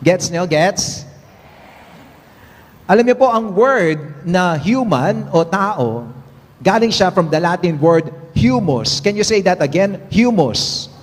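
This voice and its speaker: A man with a high-pitched voice preaches a homily and keeps drawing in the congregation with quick tag questions. His voice carries a long reverb, as in a church. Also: lively intonation. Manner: engages the congregation with frequent "right?" tags. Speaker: priest.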